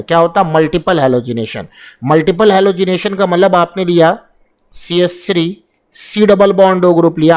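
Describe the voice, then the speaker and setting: A man's voice: high-pitched, a little mellow. A man teaching an exam-prep chemistry lesson. He asks himself questions and answers them, repeating the key terms as he goes.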